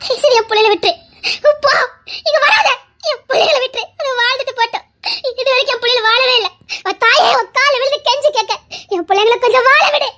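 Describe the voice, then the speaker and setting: A fierce middle-aged village mother, voiced by a woman, shrill and very high, snapping out scolding and curses in a keen, bright tone. She is fiercely protective of her children, and her voice rises and cracks with emotion throughout this audio drama. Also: fast talker. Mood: threatening. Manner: scolding, shouting, cursing, sobbing. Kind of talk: Tamil audio drama acting.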